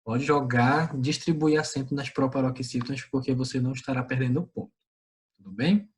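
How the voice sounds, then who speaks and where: A man's voice: medium pitch, fairly even intonation, fairly quick. A man with a Brazilian Portuguese accent teaching a class, asking questions and then answering them himself. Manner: didactic, asks and answers his own questions. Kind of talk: online class explanation.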